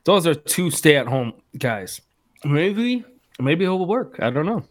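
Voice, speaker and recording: Male host, mid pitch, very animated, hedges a lot; casual hockey talk. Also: slow. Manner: animated, hedging. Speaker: podcast host. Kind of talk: casual sports chat.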